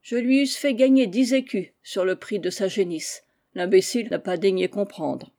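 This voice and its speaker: A woman's voice: medium pitch, normal speed, mellow, natural voice. A woman reading as a boastful grumbling roofer. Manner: self-important, complaining.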